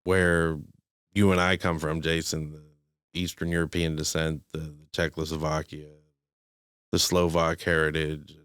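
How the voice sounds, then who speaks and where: A man's voice: a bass voice, flat delivery, unhurried, a bit bright, smooth, no room sound, clean studio sound. A man guest on a casual podcast chat, talking hesitantly and often repeating his first words. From Pittsburgh area, US.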